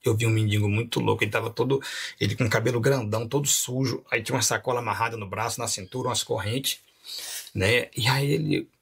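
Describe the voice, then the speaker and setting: A man who is a pastor, telling a personal testimony on a podcast with animated delivery and frequent laughs. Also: mid-range voice, fast talker, creaky, breathy edge. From Rio de Janeiro. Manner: animated storyteller, laughs often.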